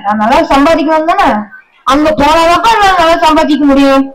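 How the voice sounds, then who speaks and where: An eager grown son speaks earnestly and coaxes his parents, as a woman voices him. His voice sits fairly high. The story plays out as a family drama. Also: brisk, a crowd in the background, natural voice, rough recording.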